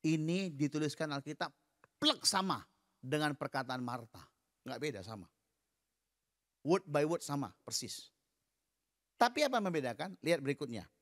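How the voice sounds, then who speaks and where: A man's voice: a little high, very animated, moderate pace, long pauses, a bit bright, no echo, studio quality. A man preaching a sermon. He speaks to the congregation directly in a conversational way and leads them in reading aloud together. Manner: conversational, addresses the listeners directly.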